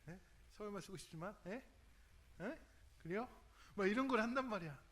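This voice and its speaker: A middle-aged male pastor from Korea's Chungcheong region with a slight drawl, preaching a youth service sermon in a lively, conversational way and questioning the congregation. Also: high voice, fairly quick. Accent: Chungcheong Korean, drawn-out speech.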